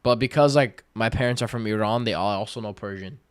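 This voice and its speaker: A twenty-year-old man livestreaming, reading viewer questions aloud and answering in relaxed, slangy chat full of fillers. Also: fairly low pitch, fast, dry recording, studio quality. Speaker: day-trading livestreamer.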